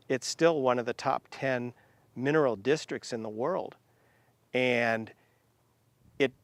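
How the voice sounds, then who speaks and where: A man speaking deliberately and emphatically in an interview for a mining company. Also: mid-range voice, dry recording.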